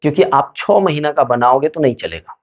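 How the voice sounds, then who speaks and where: A man giving students study advice like a teacher, his pitch rising and falling a lot. He asks a question and answers it himself, and the recording sounds dull and lo-fi. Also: lively intonation, brisk. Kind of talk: motivational study talk to students.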